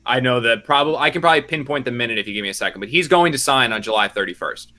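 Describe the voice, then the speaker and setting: Bright-voiced rambling man on a podcast. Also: mid-range voice, expressive, rapid-fire. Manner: rambling, self-correcting, joking asides. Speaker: football beat reporter, podcast co-host. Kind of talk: casual podcast chat.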